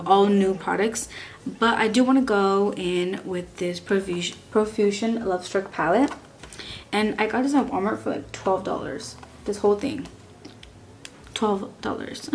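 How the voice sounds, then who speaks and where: A young adult beauty vlogger from Texas talks casually through a makeup review, rambling and filling it with "like" and restarts. She has a medium-pitched voice, and there's slight background noise.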